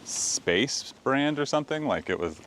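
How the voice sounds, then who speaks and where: A man's voice: mid-range voice, very animated, measured pace, a bit bright, slight background noise. A man casually chatting outdoors by a campfire in falling snow, rambling with lots of fillers. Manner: rambling, filler-heavy talk with many "like"s. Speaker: channel co-host. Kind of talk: casual chat.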